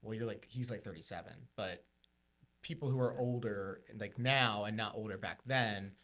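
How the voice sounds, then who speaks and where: A man's voice: fairly low pitch, normal speed, a bit bright. A man in his thirties co-hosting a podcast, talking in a loose, rambling way with lots of filler words. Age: 30s. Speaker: podcast co-host. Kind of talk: casual chat.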